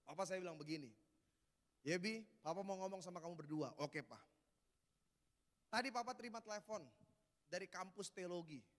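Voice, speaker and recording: A man's voice: high-pitched, moderate pace, pauses often. A man with an Indonesian accent preaching a sermon as pastor, telling humorous stories in casual slang. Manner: storytelling with humor and laughter, Jakarta slang. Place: church hall. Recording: long hall reverb.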